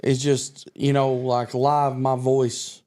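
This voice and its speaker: Slow and confident, a Kentucky man who sings country music rambles through a casual podcast chat as a guest, restarting his sentences often. His mid-range voice has a level, darkish tone.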